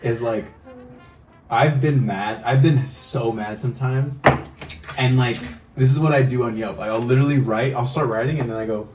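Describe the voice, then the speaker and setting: A man's voice: mid-range voice, normal speed. A man on a casual comedy podcast who tells rambling anecdotes and laughs through them. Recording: roomy and distant, faint music.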